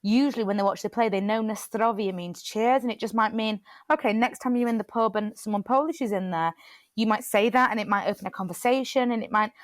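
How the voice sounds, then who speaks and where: A young British woman, talking loosely and warmly about her plays as a guest. Her voice sits at an ordinary middle pitch, and she rambles with many fillers and restarts. The recording is dry, with no room echo. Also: fast talker. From Britain. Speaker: playwright and theatre director. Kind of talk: casual chat.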